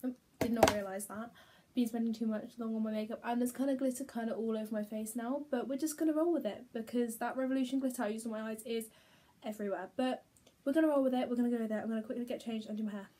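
A woman's voice: on the high side, fairly even intonation, quick pace, mellow, a little hiss or hum. A young woman chatting casually to her phone camera as a beauty vlogger, rambling and poking fun at herself. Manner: chatty, rambling, self-mocking. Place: at home.

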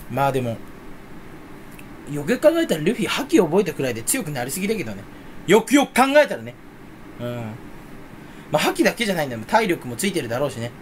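A young man talks on his own in a rambling, playful way, teasing himself as he goes. His voice sits high and swings widely in pitch. A faint ambient hum runs under the recording. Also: big pitch swings, brisk, long pauses. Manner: rambling, playful, self-mocking; mock Kansai dialect in quoted bits. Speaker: streamer. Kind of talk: solo casual chat.

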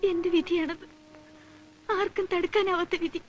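A woman's voice: extremely high pitch, steady tone, moderate pace, dull audio. An actress playing a young noblewoman who speaks with resigned, despairing sorrow. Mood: sorrowful. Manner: despairing, pleading. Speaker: film character. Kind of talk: 1990s film acting.

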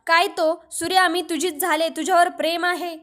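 Scoffing young village guy who wont believe her, woman reading it, high voice. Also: flat delivery, normal speed, a bit bright. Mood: mocking. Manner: mocking, laughing it off. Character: teasing, disbelieving young village man.

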